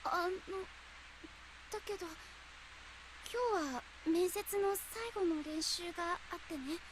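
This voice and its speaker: A woman's voice: very high-pitched, normal speed, slight background noise, poor audio. An actress playing a kind, anxious teenage schoolgirl in a Japanese video game, earnest and polite. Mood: worried.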